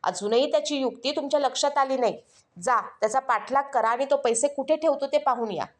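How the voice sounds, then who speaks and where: Woman reads a shrewd wife, chiding and practical, slightly high voice. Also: fairly quick, lightly acted.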